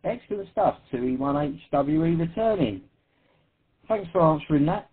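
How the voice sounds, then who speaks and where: A chatty man with an Essex accent runs an amateur radio net as its host, laughing easily at himself. His voice is husky and comes through a thin, tinny radio link. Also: a little high, lively intonation, normal speed. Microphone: radio transceiver.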